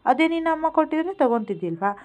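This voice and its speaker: A woman reading the lines of a tender, doting older widowed mother in a storybook, gently scolding. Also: high-pitched, big pitch swings, quick pace, voice pushed up.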